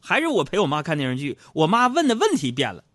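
A man tells comic stories, and his voice swings widely in pitch as he acts out each scene. The voice sits a little high for a man and is recorded close and dry, with no room sound. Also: fast, no echo. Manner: animated storytelling, acts out other voices. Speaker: comedy radio host. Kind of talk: stand-up style comic monologue.

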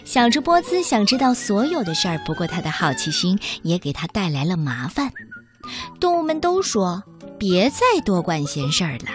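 A woman narrating a children's storybook in an expressive, sing-song way. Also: mid-range voice, moderate pace, music in the background.

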